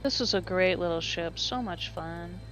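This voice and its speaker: A woman's voice: lowish voice, moderate pace, soft background music. A woman with a Minnesota accent co-hosting a game livestream, cheerfully reading out chat messages. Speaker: stream co-host.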